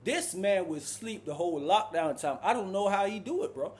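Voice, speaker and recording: A man telling a prison story in a casual, animated, slangy way. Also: moderate pace. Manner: animated, slangy, keeps saying "bro" and "boom".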